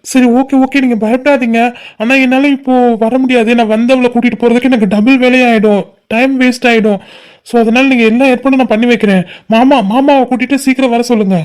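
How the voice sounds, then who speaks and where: A voice actor playing a calm young man, a doctor son, giving instructions and reassurance over the phone in a cartoon. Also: mid-range voice, brisk, smooth, lightly acted. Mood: calm instructing. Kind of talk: cartoon voice acting.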